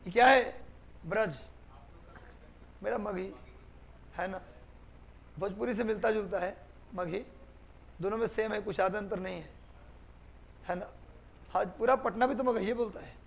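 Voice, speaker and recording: A man's voice: sits high, moderate pace, gravelly, long pauses, slight background noise. A man from Bihar, teaching a live online class, repeating points for dictation and quizzing students. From Bihar, India. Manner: repetitive dictation, drilling students with questions.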